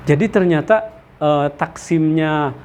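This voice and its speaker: High-voiced man teaching theology. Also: a little mellow. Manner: explains slowly with many fillers and Arabic terms, checks with "gitu ya". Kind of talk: study circle lesson.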